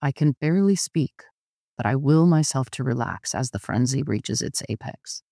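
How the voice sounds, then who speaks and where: A man reading a first-person literary story aloud in a measured, intimate narration. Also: medium pitch, animated, creaky, warm tone, no echo, clean studio sound. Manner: measured, intimate, often slow. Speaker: audiobook narrator.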